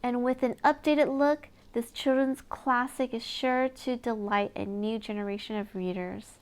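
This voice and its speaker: For an audience of small children, a woman reads a picture book aloud with expressive storytelling and exaggerated wonder. Her tone is clear and resonant, a little high and a little slow.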